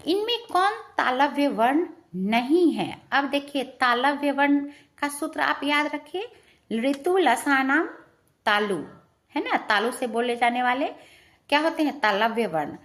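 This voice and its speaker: A woman's voice: high-pitched, lively intonation, unhurried, fairly bright tone. A woman teaching a grammar lesson to students, patient, repeating each question and answer and checking in with them often. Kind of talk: classroom lesson explaining to students.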